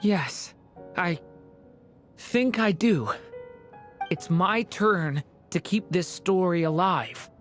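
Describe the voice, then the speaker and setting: A woman's voice: fairly low pitch, lively intonation, very slow, long pauses, soft background music. A woman voicing an earnest, hesitant young boy. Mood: resolved. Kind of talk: video game voice acting.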